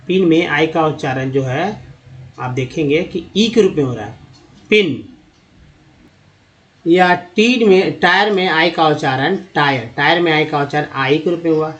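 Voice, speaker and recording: A man teaching English pronunciation, sounding out words slowly and explaining each vowel sound. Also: on the high side. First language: Hindi. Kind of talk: spoken pronunciation lesson.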